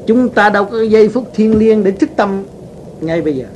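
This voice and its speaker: A man giving a spiritual teaching, speaking earnestly, with big swings in pitch and loudness. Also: moderate pace. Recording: noisy recording with rain behind.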